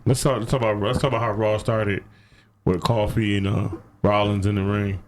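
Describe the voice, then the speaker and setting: A man co-hosting a podcast in quick, loose, profane chat. He often jumps into high squeaky voices when he quotes someone. A faint hiss sits under the recording. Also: little pitch movement, darkish tone. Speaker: podcast co-host. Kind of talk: casual chat.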